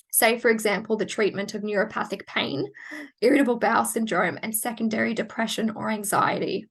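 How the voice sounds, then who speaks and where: Hoarse and losing her voice, a woman delivers a technical, measured presentation of medical research in an academic webinar, often stumbling into fillers and restarts. Her voice is a little high.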